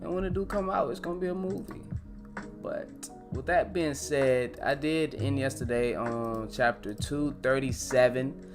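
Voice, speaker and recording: An excitable young man chats casually with his live-stream audience. His voice sits at an ordinary middle pitch, and he swears freely and tags "bro" onto his sentences. Loud music plays behind him. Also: measured pace. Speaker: live-stream host reacting to manga.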